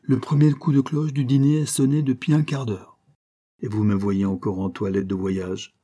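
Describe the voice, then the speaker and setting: A suave, world-weary gentleman lawyer talks with bitter irony, as a male audiobook reader plays him. The tone is dark and mellow, with a husky grain. It is a novel read aloud. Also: medium pitch, level tone, normal speed, lightly acted. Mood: ironic. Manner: ironic, bitter. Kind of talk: audiobook reading.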